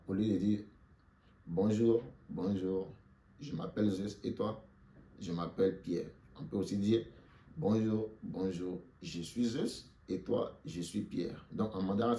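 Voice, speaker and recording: A man giving a spoken language lesson, slowly repeating short phrases for listeners to say back after him. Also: fairly low pitch, warm tone. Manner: slow, repeats phrases for the learner to echo. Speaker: Mandarin teacher.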